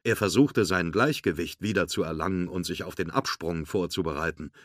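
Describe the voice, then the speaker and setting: A man reading a storybook aloud in a steady, clear way. His voice is deep and forceful, and the recording is close and dry. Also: brisk, dry recording. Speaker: narrator.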